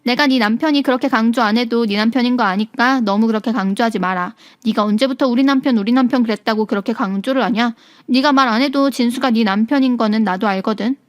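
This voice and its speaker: A woman's voice: a little high, fast talker, dry recording, clean studio sound, lightly acted. A woman voicing a brash, bitter young woman friend who talks in a snappy, sneering way. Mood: irritated.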